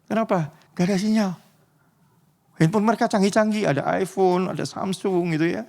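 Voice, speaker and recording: A male preacher with a high voice gives a casual church sermon. He jokes with the congregation and keeps asking them to agree. At dramatic moments he sinks into a near whisper. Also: fairly quick, vocal fry, darkish tone. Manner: chatty, joking, often asks the congregation "betul ya?".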